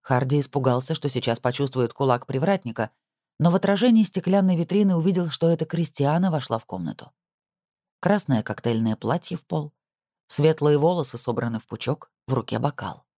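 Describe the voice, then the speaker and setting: A man reading a novel aloud with steady, even scripted narration. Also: fairly high pitch, brisk, no room sound, clean studio sound. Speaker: audiobook narrator.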